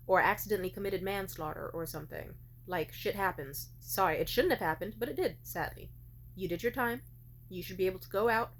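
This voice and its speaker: A woman's voice: fairly low pitch, slight background noise. A hungover woman vlogger rambling through her opinions casually, with blunt, profane and digressive delivery.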